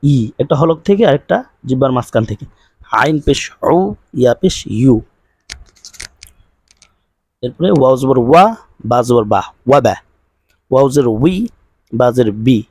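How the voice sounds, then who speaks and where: Slow, drilling male recitation teacher. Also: mid-range voice, darkish tone, dry recording. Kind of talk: online pronunciation lesson.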